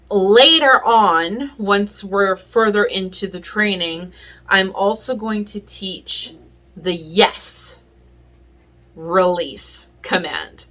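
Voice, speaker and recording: A woman talks through dog training at an unhurried, drawn-out pace, relaxed and chatty. Her voice sits at an ordinary middle pitch, and she fills her pauses with easy fillers. She sounds like an everyday pet vlogger recording at home. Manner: relaxed and chatty, with many fillers and little laughs. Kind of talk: casual how-to vlog. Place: home, indoors.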